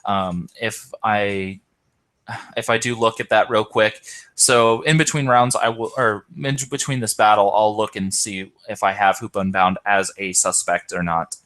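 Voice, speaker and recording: A man's voice: fairly low pitch, fairly even intonation, a little slow, a bit bright. A tired man hosting and commentating an online game tournament, hesitant, with many ums and self-corrections. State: tired, yawning.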